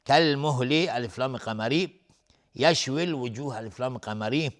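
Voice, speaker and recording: A man at a middle pitch leads a televised Quran recitation lesson. He chants short verse fragments slowly and with long held vowels, then drops into quick, matter-of-fact explanation of each pronunciation rule. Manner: draws out recited words slowly, then explains rules briskly. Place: TV studio.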